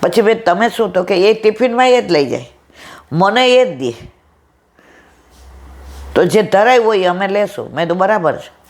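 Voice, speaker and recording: A woman with a mid-range, slightly mellow voice gives a devotional satsang talk, speaking a little slowly and expressively with frequent pauses. She retells a conversation in an affectionate storytelling manner, fondly calling her listeners "my dear."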